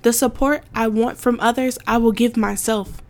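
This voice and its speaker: A woman's voice: a little high, steady tone, moderate pace. A young adult woman hosting a casual solo podcast, talking emphatically with lots of repetition, "like" fillers and frequent laughter. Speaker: podcast host.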